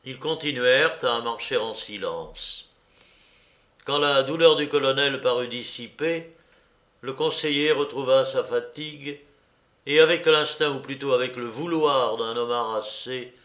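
A man narrating a classic novel as an audiobook, reading in a measured, expressive way. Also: mid-range voice, reverberant.

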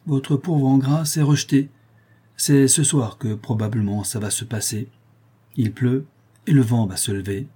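A man's voice: mid-range voice, unhurried, mellow, breathy edge. A man reading a novel aloud, voicing a confident middle-aged master detective with a lightly amused, assured manner. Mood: grave. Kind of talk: audiobook character voice.

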